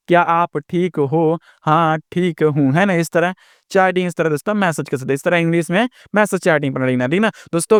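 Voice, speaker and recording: Friendly teacher spelling words out slowly. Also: male voice, fairly high pitch, smooth, dry recording, studio quality. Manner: keeps adding "दोस्तों" and "है ना?" as check-ins. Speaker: English teacher. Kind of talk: spoken lesson on reading and writing English.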